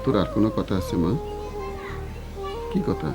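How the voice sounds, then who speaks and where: A man's voice: on the low side, expressive, moderate pace, close to an everyday voice. An actor playing an older village father, fond and folksy, given to homespun sayings. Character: warm-hearted old village father who loves to sing. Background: music.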